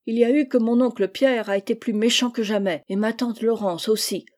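A spoiled, sly little girl, put on by a woman reading aloud, pipes up in a raised, bright voice. She wheedles and pouts in a storybook reading, mellow at the core. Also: fairly high pitch, fairly even intonation, a little fast, pitched above the performer's own voice, close to an everyday voice. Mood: indignant. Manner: wheedling and petulant.

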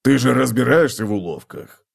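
A man voicing a gruff, grim old dwarf warrior who growls short, blunt commands. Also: medium pitch, animated, moderate pace. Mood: grim, menacing.

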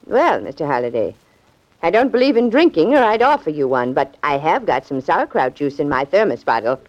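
An actress playing a brusque, eccentric, suspicious older spinster in a 1940s radio drama. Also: female voice, low voice, big pitch swings, a little fast, darkish tone. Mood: brisk, approving. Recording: muffled vintage radio recording.

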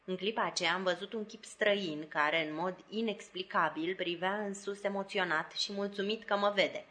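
A woman narrating a classic novel as an audiobook in a measured, even storytelling manner. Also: medium pitch. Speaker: audiobook reader.

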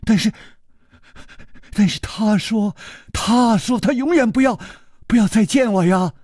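A man's voice: high-pitched, measured pace, darkish tone, no room sound, studio quality, pitched above the performer's own voice. A man voicing a timid, tearful young male servant who stammers and pleads.

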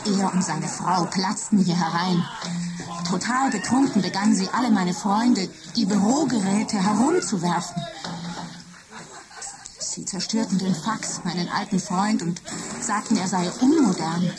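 A woman playing a lovesick, jealous female office computer in a radio drama, speaking softly and often in a whisper. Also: mid-range voice, measured pace, music in the background, lightly acted. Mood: obsessive, tender. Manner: soft, intimate, often whispering. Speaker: computer character.

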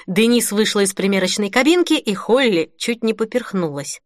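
A woman narrating an audiobook in an even, measured read at a close microphone. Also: medium pitch, dry recording. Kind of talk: scripted narration.

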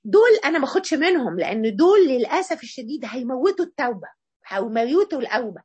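A woman with an Egyptian accent giving a religious lesson in a colloquial, emphatic and animated way. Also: sits high, racing, slightly rough, dry recording, muffled recording. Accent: Egyptian Arabic. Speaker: female Islamic preacher.

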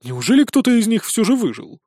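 A man reading a story aloud, voicing a calm, careful young male wizard who keeps his voice low. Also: a little fast, no room sound, clean studio sound, heavily acted. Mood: cautious. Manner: hushed, careful.

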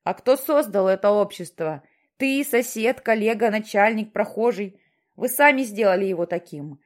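A woman's voice: medium pitch, animated, normal speed, natural voice. A woman voicing a stern, mysterious voice from the sky that questions and lectures insistently.

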